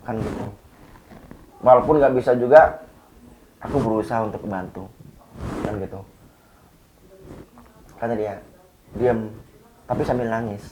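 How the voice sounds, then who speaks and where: A man's voice: on the low side, fairly even intonation, measured pace, long pauses, background noise. A man casually recounting a ghostly experience with a friend, acting out the dialogue as he tells it. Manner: conversational, acts out quoted dialogue with a friend. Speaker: storyteller guest.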